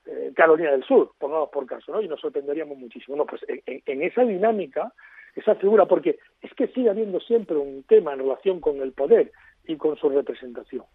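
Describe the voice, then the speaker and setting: A man's voice: a little high, fairly quick, breathy edge, no room sound. A man as a radio guest, explaining at length in an expansive, lecturing way over a phone line.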